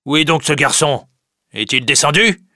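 A man's voice: fairly high pitch, lively intonation, moderate pace, sharp tone, no room sound, studio quality, voice pushed up. A man reading aloud who voices a stern, miserly old wine-grower father who counts every coin. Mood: excited. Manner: counting money aloud, insistent. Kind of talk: audiobook reading.

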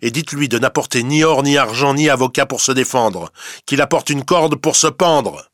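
A man's voice: medium pitch, lively intonation, moderate pace, a bit bright, no room sound, clean studio sound, pitched above the performer's own voice, natural voice. A man voicing a furious, commanding male lion king in a storybook reading. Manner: commanding, vengeful.

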